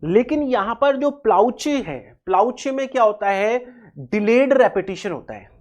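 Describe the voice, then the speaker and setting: A man's voice: extremely high pitch, lively intonation, unhurried, a little mellow. A man giving an exam-prep English lesson. He mixes Hindi with English terms, explains step by step, repeats key terms and spells words letter by letter. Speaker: English teacher. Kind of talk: exam-prep video lecture.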